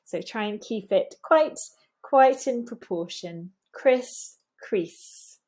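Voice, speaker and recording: Woman pronunciation coach, unhurried, patient, models sounds by drawing out repeated words. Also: mid-range voice, lively intonation, a little mellow. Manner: demonstrates sounds by repeating words with exaggerated mouth movement; patient, explanatory. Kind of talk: pronunciation lesson.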